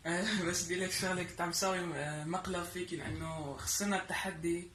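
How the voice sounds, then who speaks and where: A man's voice: sits high, fairly even intonation, fast, pushed and bright. A young man with a Levantine Arabic accent, chatting casually and a little hesitantly on a phone call. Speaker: YouTube co-host. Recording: echoey room, faint noise.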